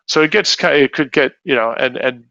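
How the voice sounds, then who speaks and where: Bright-toned man, dull dry lo-fi sound. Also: mid-range voice, fairly quick, creaky, no room sound. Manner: thinking aloud, many restarts. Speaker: panel guest. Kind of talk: casual panel discussion.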